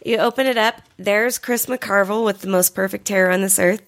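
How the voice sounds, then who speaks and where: A woman co-hosting a podcast in casual, joking chat, laughing often, her voice rough from being sick. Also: mid-range voice, fairly even intonation, brisk, no room sound. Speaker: podcast co-host.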